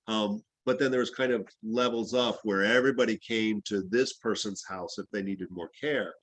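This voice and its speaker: A man's voice: fairly low pitch, fairly even intonation, normal speed, no echo, low-quality recording. A man who grew up in the Bahamas, teaching an herbalism class in a loose, rambling, anecdotal way with plenty of fillers. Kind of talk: casual class discussion.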